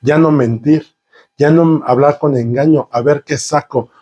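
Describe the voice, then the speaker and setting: The preacher's voice is on the high side and warm, with a measured pace and lo-fi sound. His sermon piles up synonyms and rhetorical questions, and he draws in the congregation by conversing with them and asking them questions.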